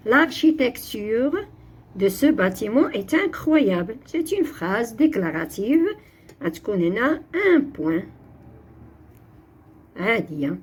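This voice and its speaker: A woman slowly explaining French grammar exercises, switching between French and Arabic. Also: medium pitch, husky. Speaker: French teacher.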